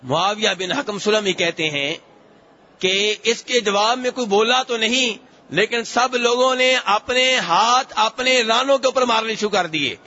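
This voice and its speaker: A man preaching a hadith lesson in a high, bright voice, going over each phrase more than once. He recites Arabic lines slowly, then explains them. The recording sounds dull and lo-fi. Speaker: Islamic preacher.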